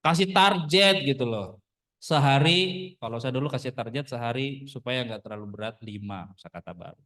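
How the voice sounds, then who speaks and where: A man's voice: mid-range voice, animated, normal speed, a bit bright, far from the mic. A man in his thirties, a religious teacher, giving a casual lesson and peppering his listeners with rhetorical questions. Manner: addresses the audience as brothers. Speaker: Arabic teacher, ustadz.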